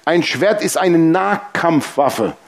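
Male preacher, lightly raised pitch, humorous storyteller, talks straight to the congregation. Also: slow pace. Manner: lively, humorous storytelling, addressing the congregation directly. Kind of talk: sermon with personal anecdotes.

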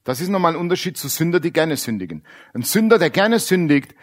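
A man preaching a sermon in a blunt, animated way, acting out quoted characters and dropping to quiet asides. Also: on the high side, quick pace.

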